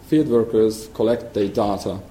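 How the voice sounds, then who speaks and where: Presenting at a conference, this software engineer speaks with a Hungarian accent in a lowish, mellow voice, stopping for ums and starting sentences over. Roomy acoustics carry a faint hiss in the background.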